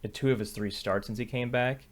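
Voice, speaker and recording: A man's voice: medium pitch, steady tone, a little fast. A young man hosting sports betting picks, thinking aloud in casual commentary, often correcting himself. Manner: thinking aloud, self-correcting, filler-heavy. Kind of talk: casual screen-share commentary.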